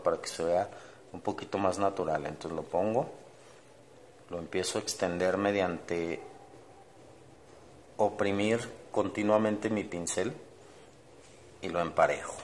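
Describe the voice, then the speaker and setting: A man's voice: fairly low pitch, slight background noise. A man teaching an online acrylic painting class, explaining each step as he paints and often adding tag questions. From Mexico. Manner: explains step by step while painting, thinking aloud. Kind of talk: online art class demonstration.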